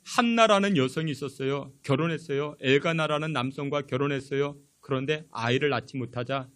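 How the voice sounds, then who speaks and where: A man's voice: medium pitch, a little fast. A man, a pastor, preaching a sermon and telling stories with many questions to the congregation. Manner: animated storytelling with rhetorical questions.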